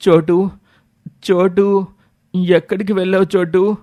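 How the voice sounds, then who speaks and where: Cartoon storybook role: man doing brave young friend, a bit higher than usual, urgent and resolute. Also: level tone, slow pace, warm tone, no echo, faint music behind. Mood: calling. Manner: urgent, calling out and determined. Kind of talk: animated storybook voice acting.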